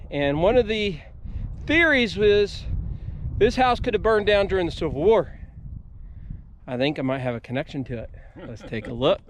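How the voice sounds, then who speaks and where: A man's voice: sits high, expressive, moderate pace, pauses often, slight background noise. An American man hosting a metal detecting video outdoors, talking viewers through each step in a casual, folksy way. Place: outdoors at an old homesite.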